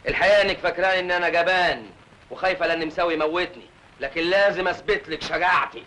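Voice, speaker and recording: A man's voice: sits high, rapid-fire, sharp tone, a little hiss or hum, rough recording. An actor with an Egyptian accent playing a blustering, jittery drunk out to prove his bravery, in classic film comedy style. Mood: mocking, boastful. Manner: theatrical, boastful.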